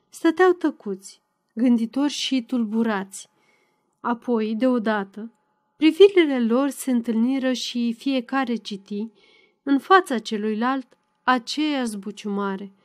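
A woman narrating a novel as an audiobook in a measured, even reading. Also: a little high.

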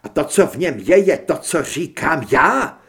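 A man's voice: a little high, animated. A man doing a fiery indignant young reporter. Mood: forceful. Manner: forceful, indignant.

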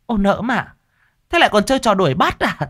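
A man's voice: very animated, a little fast, fairly bright tone, full character voice. A man doing a simpering, pushy young woman. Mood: coaxing. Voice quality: simpering falsetto.

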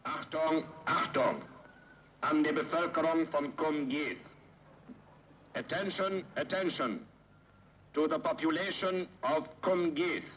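A stern Nazi proclamation voice, fairly high and deliberately slow. He commands the population like a loudspeaker car in a war film, with noise around the words. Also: highs cut off. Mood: commanding. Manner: declamatory, commanding. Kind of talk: propaganda public-address announcement. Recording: noisy loudspeaker-style public announcement.

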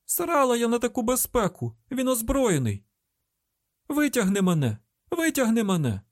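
A panicked young woman shrieks and curses from the bottom of a pit, as a man puts her on. Her voice is pushed very high and loud, with a Ukrainian accent. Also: very animated, moderate pace, dry recording, studio quality. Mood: hysterical. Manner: hysterical screaming and cursing.

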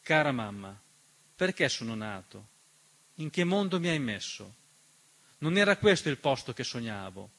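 With a mid-range, fairly bright voice, this stage narrator and writer-performer is very animated, speaking at normal speed with vocal fry and long pauses. His scripted monologue is declamatory and accusatory, crowded with rhetorical questions.

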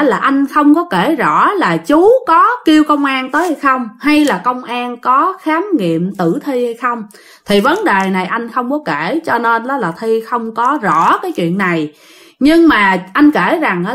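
A woman's voice: a little high, a bit bright. A woman telling a ghost story in a chatty way, talking straight to her listeners.

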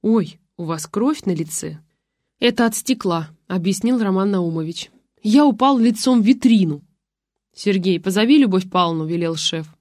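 A woman's voice: medium pitch, lively intonation, normal speed, darkish tone, no room sound. Woman narrating a story in a dry voice. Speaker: audiobook narrator. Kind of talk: scripted first-person narration with dialogue.

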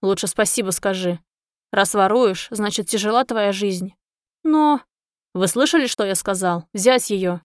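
A woman's voice: medium pitch, measured pace, no room sound, studio quality, close to an everyday voice. A woman voicing a haughty young elf, a sultan's son, who speaks in curt commands.

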